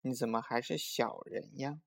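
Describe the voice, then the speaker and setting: A man's voice: mid-range voice, moderate pace, vocal fry. A man voicing a pouty, competitive little boy who talks in a huffy, insistent way.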